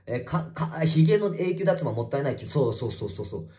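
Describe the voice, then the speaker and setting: A man livestreaming from a bathroom, reading viewer comments in casual chat and swearing at commenters in a rough, teasing way. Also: on the high side, animated, fast, a little mellow. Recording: echoey bathroom.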